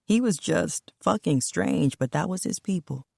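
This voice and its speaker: A woman reading a story aloud as audiobook narrator, in a steady, matter-of-fact way. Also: low voice, a little slow, creaky, husky, no echo, clean studio sound.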